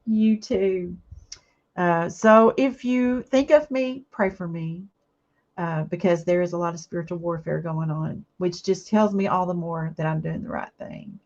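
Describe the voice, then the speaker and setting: Fairly low in pitch and unhurried, a woman speaks with fairly even intonation as she hosts a craft live stream. She's teary and emotional, warmly reading viewer comments aloud and answering them, and the audio is dull.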